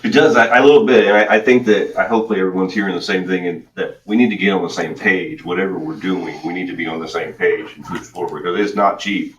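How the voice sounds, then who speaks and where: A man's voice: sits low, steady tone, quick pace, hardly any pauses, fairly bright tone. A man serving as a county official, speaking bluntly and plainly, tripping over his words. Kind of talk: discussion at a public meeting. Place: county council chambers. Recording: distant mic in an echoey room with faint noise.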